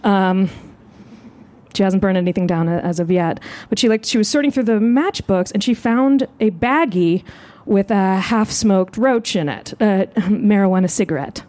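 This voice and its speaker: Animated woman telling a comic story. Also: moderate pace. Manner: animated, self-mocking, jumps into high voices. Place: live show outdoors.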